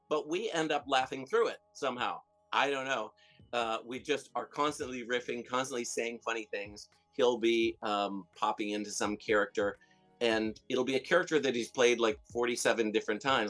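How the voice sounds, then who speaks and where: A man guest in a casual interview, telling stories animatedly, with lots of restarts, fillers and laughter. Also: medium pitch. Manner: rambling, with many restarts and fillers; animated storyteller who laughs often. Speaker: filmmaker and comedian guest.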